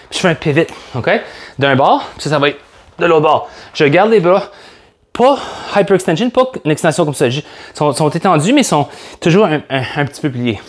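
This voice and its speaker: A man with a Québécois French accent, leading a workout as a fitness coach, upbeat and joking as he counts reps aloud. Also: a little high. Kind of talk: guided workout instruction.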